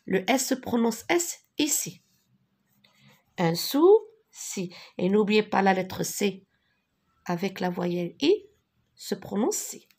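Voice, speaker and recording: A woman teaching a French spelling lesson, patiently repeating each word slowly, with a few translations. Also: mid-range voice, animated, a little mellow, husky. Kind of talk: slow classroom lesson with repetitions.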